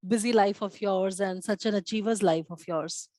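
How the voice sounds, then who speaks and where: A woman's voice: mid-range voice, moderate pace, darkish tone, dry recording. A woman from the audience asking a question in a polite, formal way.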